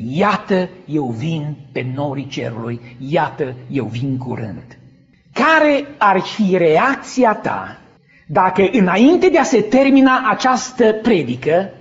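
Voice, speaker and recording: A man preaching a sermon, telling a vivid story with dramatic swells that build to shouts. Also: sits high, dull audio. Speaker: pastor.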